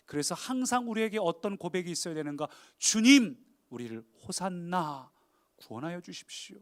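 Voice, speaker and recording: A man preaching a sermon as pastor, emphatic and dramatic, moving between loud appeals and quiet asides. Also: high voice.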